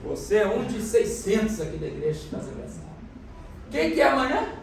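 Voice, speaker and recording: High-voiced pastor in an echoey hall. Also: male voice, very animated, brisk, a little hiss or hum. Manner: explains and quizzes the congregation. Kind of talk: sermon. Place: church hall. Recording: echoey church hall, mic from a distance.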